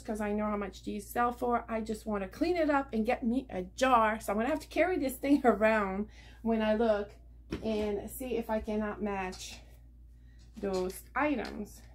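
A woman's voice: on the high side, a little slow. A middle-aged woman chatting to the camera at home about her thrift and yard sale finds, rambling with many fillers. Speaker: vlogger showing a thrift haul. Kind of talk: casual chat to camera. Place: living room at home, indoors. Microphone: camera on a table nearby.

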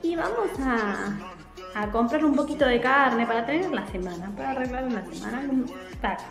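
A woman's voice: fairly high pitch, moderate pace, vocal fry, reverberant, over music, low-quality recording. Chatty Argentine woman in her forties. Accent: Argentine Spanish. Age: 40s. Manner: animated, chatty, gestures a lot with her hands. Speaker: vlogger. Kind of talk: casual storytelling to camera. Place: small room at home by a window, indoors.

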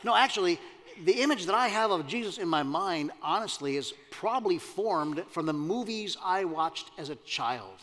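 A man delivers a sermon in a church sanctuary, his voice sitting high for a man. He keeps it conversational, often putting questions out to the congregation. A long reverb trails each phrase. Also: lively intonation, moderate pace, a bit bright. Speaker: pastor.

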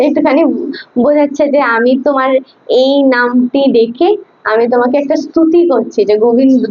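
Brief: woman, high voice, patient devotional teacher drilling Sanskrit syllables, dull lo-fi sound. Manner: slow, patient, repeats syllables for students to follow. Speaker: Gita course teacher. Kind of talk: devotional lesson with verse recitation drills.

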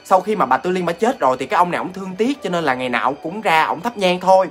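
A man's voice: high-pitched, animated, racing, a bit bright, breathy edge. Man, Southern Vietnamese accent, casual ghost-story telling, chatty, faint music behind. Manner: chatty, addresses listeners directly, many fillers.

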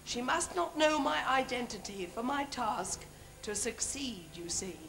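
An older English actress playing a kindly, stately fairy godmother in a stage pantomime, declaiming rhymed narration in a grand, measured way. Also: on the high side, lively intonation. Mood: grand, mysterious. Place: theatre stage. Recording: amateur videotape of stage show, music underneath.

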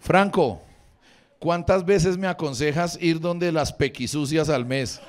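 Rowdy stand-up from a man in his forties with a Bogotá accent, swearing freely and teasing the crowd as he riffs. His voice sits a little high for a man. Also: slow pace. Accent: Bogotá Spanish. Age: 40s. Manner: crude, swearing, bantering with the audience. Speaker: stand-up comedian. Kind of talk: improvised stand-up crowd work. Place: comedy venue with a live audience.

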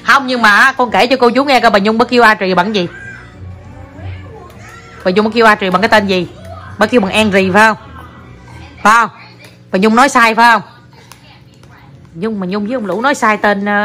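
A woman talks with her daughter and viewers in a casual home vlog. Her voice sits a bit high, and she is animated and chatty, laughing often. Soft music plays faintly underneath. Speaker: mother vlogging with her daughter.

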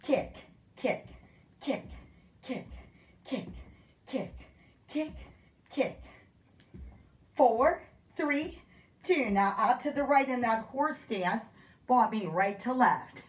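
Woman fitness instructor, unhurried cueing, winded, encouraging, roomy echo. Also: fairly high pitch, animated. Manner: upbeat, counts out moves, calls encouragement. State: out of breath. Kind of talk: workout class instruction. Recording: echoey room.

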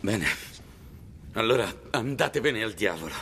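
A man's voice: fairly low pitch, lively intonation, moderate pace, a bit bright, slight background noise. An actor playing a defiant, desperate father protecting his son, emotional and confrontational in a dubbed film drama. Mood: angry disbelief. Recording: film music and crowd behind. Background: dramatic music, crowd voices.

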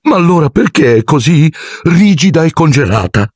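A hysterical old caretaker wails and screeches in a thin, strained voice pitched far above normal. The voice is husky and dry, with wild leaps in pitch. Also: male voice, very animated, moderate pace, no echo. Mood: choked disbelief. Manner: shrill, wailing, sobbing.

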